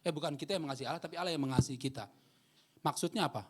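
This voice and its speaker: A male pastor, preaching a sermon in a church hall. He jokes with the congregation and swings between loud preaching and quiet asides. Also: on the high side, very fast, breathy edge. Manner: animated, joking with the congregation.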